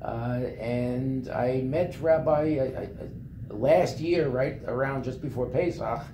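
A man recounts his life in a loose, rambling way, full of fillers and restarts. His voice is dark and mellow. It was recorded on a phone across a table in an echoey office with a faint hum behind it. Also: mid-range voice, takes it slowly. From Brooklyn, New York. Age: 70s. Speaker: company founder. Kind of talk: interview storytelling. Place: office meeting room.

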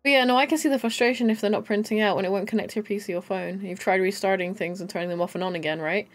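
A woman's voice: medium pitch, fairly even intonation, rapid-fire, soft background music. A woman streaming a game, chatting casually with viewers and a friend and laughing often. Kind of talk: casual live-stream chat while gaming.

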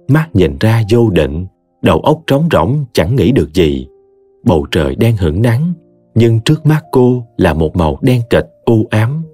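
A man narrating an audio story with an expressive, dramatic reading. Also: fairly low pitch, no echo.

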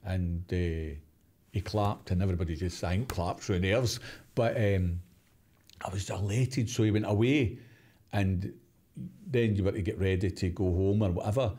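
A Glaswegian man in his sixties tells his stories with a fairly low, mellow voice. He is animated and acts out what others said. He breaks into laughs often. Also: moderate pace. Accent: Glaswegian Scottish. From Glasgow, Scotland. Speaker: interview guest, former footballer. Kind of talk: casual storytelling interview.

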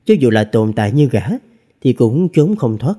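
A man narrating a fantasy novel as an audiobook reader, with expressive storytelling. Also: medium pitch, moderate pace.

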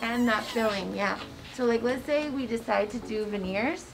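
Masked woman dentist with a gravelly voice. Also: on the high side, normal speed, poor audio. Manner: chatty, reassuring, leans on "like". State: talking through a face mask. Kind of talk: explaining treatment to a patient. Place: dental office.

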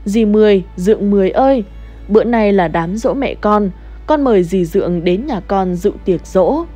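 A woman's voice: medium pitch, expressive, normal speed, warm tone, soft background music, lightly acted. A woman voicing a polite young village man inviting his relatives to a memorial meal.

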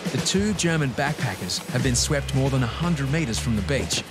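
A man narrates a documentary series in a mid-pitched voice. His delivery is scripted, and music plays prominently behind him. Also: animated, normal speed.

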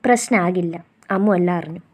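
A woman reading the lines of a caring young man who scolds his girlfriend gently and then reassures her. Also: lowish voice, a little fast, natural voice. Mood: reassuring.

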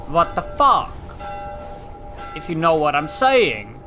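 A young man from the Netherlands giving excitable, foul-mouthed let's play commentary, tossing in English slang. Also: fairly high pitch, takes it slowly, over music. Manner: excitable, swears a lot, drops English slang. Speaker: gaming channel host.

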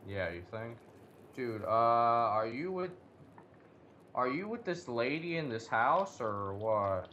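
A man plays a video game in casual co-op, chatting in slang, swearing, and blurting out reactions to what he finds. His medium-pitched voice is very animated and fairly bright, yet he speaks slowly. The recording has a muffled lo-fi mic and background noise.

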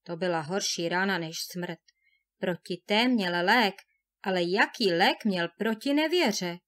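A woman narrating a classic fairy tale aloud in a measured, expressive storytelling manner. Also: mid-range voice. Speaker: audiobook reader.

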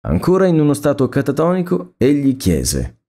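A man narrating a story aloud in a measured, expressive reading. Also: on the high side.

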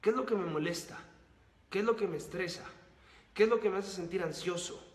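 A man's voice: sits high, fairly quick. A man hosting his channel, delivering a motivational monologue full of repeated rhetorical questions and lists. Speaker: host of a book-summary channel. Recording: roomy echo with long reverb.

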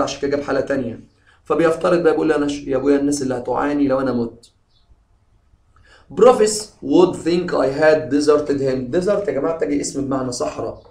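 Quick, gravelly Egyptian teacher in an echoey room. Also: male voice, mid-range voice, darkish tone. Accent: Egyptian Arabic. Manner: switches between slow English reading and quick colloquial explanation. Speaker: English teacher. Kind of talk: explaining a novel to students.

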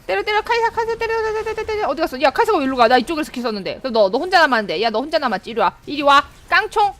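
High, lively, excitable woman streamer. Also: rapid-fire. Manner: excitable, yelps and chatters at the screen. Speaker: game streamer. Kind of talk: live gameplay commentary.

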